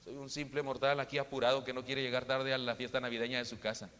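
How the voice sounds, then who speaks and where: A man voicing a hurried, kind businessman in a retold story, speaking softly and apologetically. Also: mid-range voice, little pitch movement, clean tone, close to an everyday voice. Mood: apologetic gentle. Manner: soft and apologetic. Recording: long church reverb.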